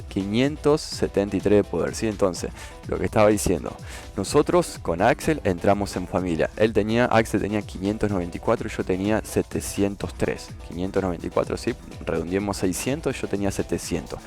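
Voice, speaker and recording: A man's voice: low voice, darkish tone. A man giving casual gameplay commentary as a YouTuber, explaining step by step and often checking in with "¿sí?". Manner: explanatory, repeats "¿sí?" to check understanding. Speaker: gaming YouTuber. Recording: faint game music behind.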